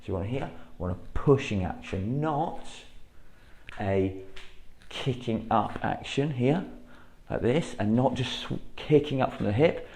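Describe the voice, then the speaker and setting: A man teaching a karate class, patiently explaining each move step by step and calling out loud counts for drills. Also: medium pitch, lively intonation, unhurried, a little hiss or hum. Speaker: karate instructor. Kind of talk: martial arts class instruction. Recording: echoey room.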